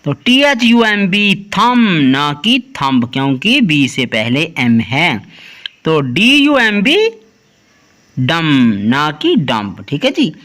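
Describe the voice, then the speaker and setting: A man hosting a video lesson, explaining English pronunciation rules in a lively teaching tone and often checking that students follow. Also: high-pitched, slow pace. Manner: lively teaching tone, keeps asking "clear?". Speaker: English teacher, channel host.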